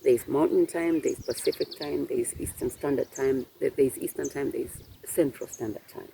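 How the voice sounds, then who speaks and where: Gravelly low-toned man explaining patiently. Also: normal speed, warm tone, a little hiss or hum. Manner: explains patiently, laughs often. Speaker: guest. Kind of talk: casual interview chat.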